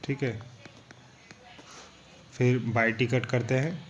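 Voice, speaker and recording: A man's voice: medium pitch, steady tone, slow pace, a little hiss or hum. A young man explaining programming basics in a casual tutorial, looping back often with "thik hai" and "guys". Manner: repetitive, loose, filler "thik hai" and "guys".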